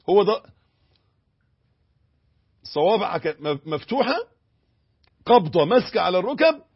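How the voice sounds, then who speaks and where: An Egyptian man with a slightly high, husky voice gives a sermon on how to recite and pray. He drawls the verses when he demonstrates them, then pushes hard on corrections. The recording sounds muffled and lo-fi. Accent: Egyptian Arabic. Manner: instructive, demonstrates recitation slowly, swings from emphatic to hushed. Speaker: religious teacher. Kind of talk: sermon teaching prayer and recitation.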